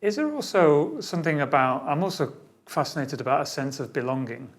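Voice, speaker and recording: A man's voice: a little high, lively intonation, a little fast. Curious man hosting an interview podcast. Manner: curious, thoughtful questioning with restarts. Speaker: podcast host.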